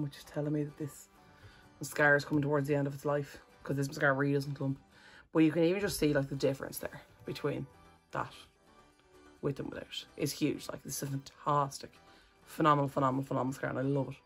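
Low husky-voiced woman, chatty. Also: fairly even intonation, fast talker, soft background music. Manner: chatty, rambling, self-correcting. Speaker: makeup vlogger. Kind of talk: casual makeup tutorial.

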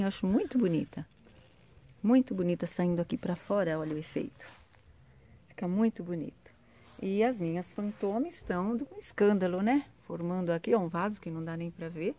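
A woman walks viewers through her sunny garden in a relaxed, chatty vlog. Her voice sits a little low and sounds mellow and warm. She keeps pointing things out as she films on a handheld phone outdoors. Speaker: vlogger, home gardener. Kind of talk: casual garden tour vlog. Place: outdoor home garden in sun.

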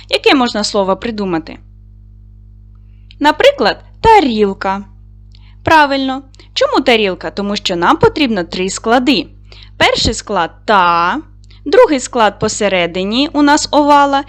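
Lively-voiced woman teaching young children. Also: a little high. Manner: asks pupils questions and answers them herself, praising often. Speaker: primary school teacher. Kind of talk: recorded lesson for young children.

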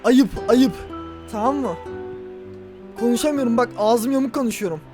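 High-voiced excitable young gamer man. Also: moderate pace, over music. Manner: excitable, groans and shouts at the game. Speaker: gamer playing a football video game. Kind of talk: casual let's-play reaction.

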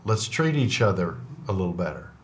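A middle-aged man with a low voice hosts a trucking podcast from a studio, talking very animatedly and a little fast while wearing over-ear headphones at a desk mic. He owns a trucking company and chats casually in an interview style, plainspoken and from a trucker's point of view, often tossing in a rhetorical "right?".

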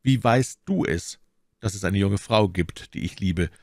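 A bold young officer gives commands in a stern, steady way, as a man reads him. His voice sits fairly low and sounds close and dry, like a plain audiobook reading. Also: measured pace, no echo.

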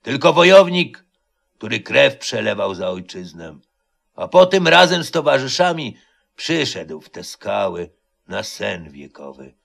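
A man voicing an ancient knight warrior who speaks slowly and solemnly, as in a spoken legend. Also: mid-range voice, vocal fry, a bit bright, full character voice.

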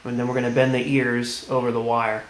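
A monotone man with a mid-range voice speaks a little fast as he runs through a casual hands-on how-to, explaining plainly step by step. The room at his indoor tiled tabletop echoes, and background noise is present.

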